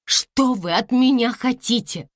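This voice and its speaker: Brief: worn-out young woman, voiced by a female reader, soft and weary, very dry recording. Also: fairly high pitch, unhurried, no room sound, pitched above the performer's own voice. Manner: quiet, weary, pleading. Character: tired, subdued young woman.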